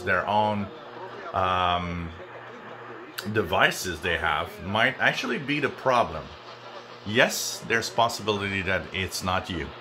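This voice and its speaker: A man with a fairly low voice talks viewers through a demonstration in a casual, conversational way. He explains things as a channel host, recorded at home with radio static and chatter behind him. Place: indoors in a home kitchen.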